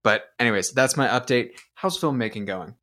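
An excitable young man co-hosts a podcast in loose, casual chat. He rambles and restarts his sentences, swears freely, and gets loud when enthusiastic. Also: medium pitch, fairly quick. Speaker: podcast co-host.

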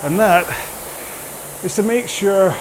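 A man's voice: high voice, takes it slowly, background noise. A man coaching a follow-along workout while exercising on a rowing machine, speaking in short phrases broken by effort.

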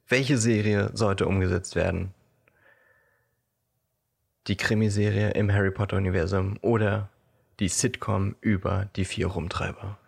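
A man with a low, gravelly voice co-hosts a relaxed podcast chat. He jokes around and laughs easily between his sentences. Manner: playful, joking, laughs often. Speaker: podcast co-host.

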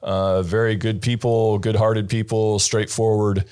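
A middle-aged man from the United States, a guest investor explaining his views in an interview, measured, with frequent fillers. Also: on the low side, little pitch movement, darkish tone, clear, resonant tone. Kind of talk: interview answers.

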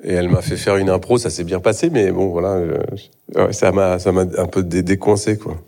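A man's voice: low-pitched, fairly even intonation, a little fast, dark tone. A middle-aged man, an actor, talking in a live interview on a theatre stage, hesitant, with many fillers and restarts. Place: theatre stage before an audience.

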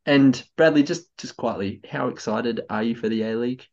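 On a casual podcast, a slightly tipsy, enthusiastic male co-host keeps stammering and restarting his sentences. He speaks at medium pitch and a moderate pace, and the lo-fi recording sounds slightly dull.

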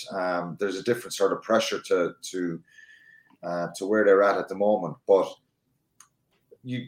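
A man working as a rugby pundit, speaking in casual analysis, hesitant and often restarting his sentences. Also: fairly low pitch. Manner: hesitant, many fillers and restarts. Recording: roomy echo.

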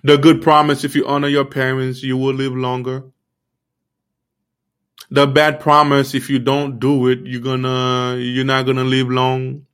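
A man giving an earnest, informal sermon, repeating himself often and filling pauses with "you know". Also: mid-range voice, completely flat delivery, fairly bright tone, clear, resonant tone. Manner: earnest, repetitive, many fillers like "you know". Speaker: preacher.

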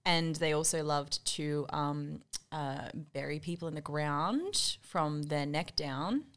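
A woman hosting a casual podcast, with a bright, fairly low voice. She chats loosely, agreeing quickly and echoing what her guest says. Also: clean tone. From Darwin, Australia. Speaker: podcast host.

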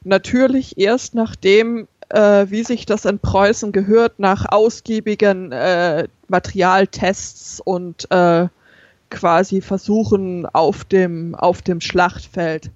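Slow-paced woman hosting, dry dull recording. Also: mid-range voice, fairly even intonation, darkish tone, no echo. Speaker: podcast host. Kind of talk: informative podcast narration.

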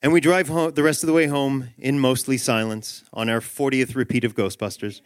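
A man telling a comic personal story, animated and self-mocking with quick asides. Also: mid-range voice, no room sound, studio quality. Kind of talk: live comedic storytelling.

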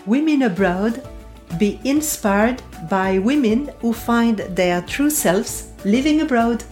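A woman hosting a podcast who reads a formal introduction and asks interview questions at a measured pace. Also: a little high, expressive, darkish tone, roomy sound, faint music behind. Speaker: podcast host.

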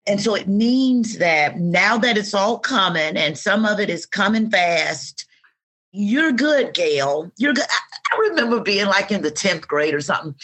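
Woman in her fifties, podcast guest, slightly low voice, lively storytelling, interview. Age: 50s. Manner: reflective, animated storytelling with quoted affirmations. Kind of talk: conversational interview.

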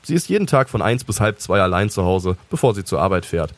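Low-voiced man reading a creepypasta. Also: fast talker, no room sound. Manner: calm, sinister first-person narration with mocking asides. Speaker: narrator. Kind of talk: creepypasta reading in first person.

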